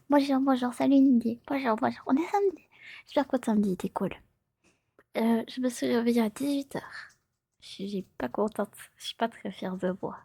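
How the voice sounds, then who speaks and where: A young woman streaming from home on a close mic, chatting playfully with her viewers, giggling, swearing and slipping into soft whispers. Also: on the high side, gravelly, slightly rough, no room sound. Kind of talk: casual live stream chat.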